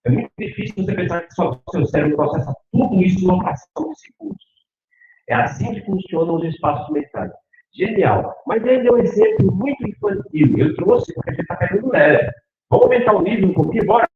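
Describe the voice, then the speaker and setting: A man's voice: high voice, brisk. A middle-aged man from Northeast Brazil with a Northeastern accent, giving a university lecture and often asking the audience questions. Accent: Northeastern Brazilian Portuguese. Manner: animated, asks the audience questions. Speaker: university professor. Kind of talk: lively academic lecture. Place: lecture hall. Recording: echoey hall, tinny phone-like sound.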